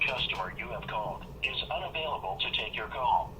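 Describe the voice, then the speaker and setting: A man's recorded automated answering message, played over a landline phone, flat and even. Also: medium pitch, brisk. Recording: tinny phone line with line noise.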